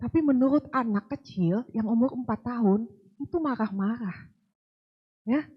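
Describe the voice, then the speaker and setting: A woman's voice: on the high side, moderate pace, husky, highs cut off. A woman from Padang giving a casual sermon to a congregation, telling stories in a chatty way. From Padang, West Sumatra. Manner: chatty storytelling, acts out quotes. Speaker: preacher. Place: church service.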